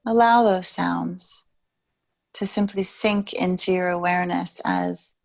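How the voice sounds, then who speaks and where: A woman yoga teacher conducts a yoga nidra meditation in a soothing, unhurried way, leaving long pauses after her phrases. Her fairly low voice is gravelly and holds a steady tone.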